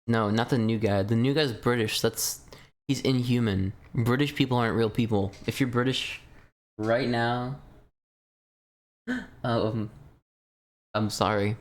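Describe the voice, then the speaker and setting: A man's voice: medium pitch, fairly even intonation, a little slow, long pauses. Streamer guy, crude and rambling, swears freely, jokes constantly, breaks into yelps of mock outrage. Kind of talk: casual livestream reaction commentary.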